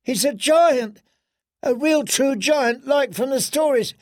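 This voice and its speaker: A man's voice: very high-pitched, slow pace, darkish tone, no room sound, studio quality, pitched above the performer's own voice. A man voicing a curious little girl who is a princess, full of eager questions. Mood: wondering.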